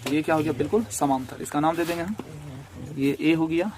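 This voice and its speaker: A man's voice: a little high, a little fast, background noise. A man teaching a maths lesson step by step, repeating each step and asking rhetorical questions as he draws.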